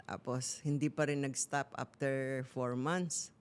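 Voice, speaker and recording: A woman's voice: very deep voice, steady tone, takes it slowly, clear, resonant tone. Candid woman telling her story. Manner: candid storytelling, mixing Tagalog and English. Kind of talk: casual talk-show chat.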